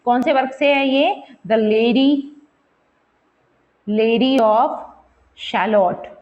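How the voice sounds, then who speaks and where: A woman teacher with a higher voice and a darkish tone draws out her words as she explains a poem for exam preparation. She uses English terms, checks in often with her students, and points to the text while counting and repeating words aloud, though the recording has its highs cut off.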